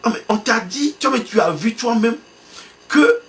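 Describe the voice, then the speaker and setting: High-voiced man telling an animated story. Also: normal speed. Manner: animated storytelling, acts out his own excitement. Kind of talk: sermon illustration told as a story.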